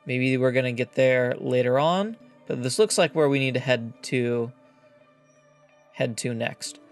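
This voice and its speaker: A man's voice: mid-range voice, a little slow. A man hosting a let's play, musing aloud casually and reading game text as he plays. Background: faint game music.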